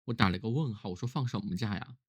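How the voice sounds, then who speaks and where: A man's voice: lowish voice, fast talker, breathy edge. A man who is ill with a cough, talking casually and reflectively on his own in a weary, musing way, as a solo vlogger.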